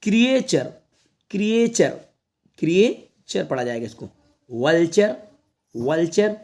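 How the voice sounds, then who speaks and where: A man leads an online lesson aimed at students. He reads each word slowly and repeats it several times. He keeps reassuring the viewers, who he calls children. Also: high-pitched, lively intonation, darkish tone. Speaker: English teacher.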